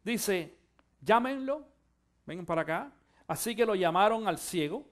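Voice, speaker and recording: A male pastor preaching a sermon, shifting from quiet musing to loud, fervent exhortation and urging his listeners to listen. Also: high voice, animated, a little slow. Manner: addresses listeners directly, urging them to listen.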